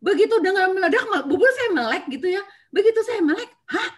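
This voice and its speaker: A middle-aged woman speaks extremely high and fast on a video call, giving a devotional talk and personal testimony as a church speaker. She tells her stories expressively, sprinkling in many filler words like "ya" and "nah."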